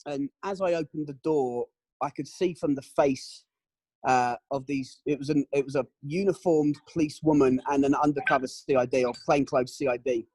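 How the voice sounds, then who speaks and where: A middle-aged man giving candid, emotional testimony in an interview, often pausing with "um" and "you know". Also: fairly high pitch, a little mellow, dry recording, low-quality recording. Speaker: interview guest.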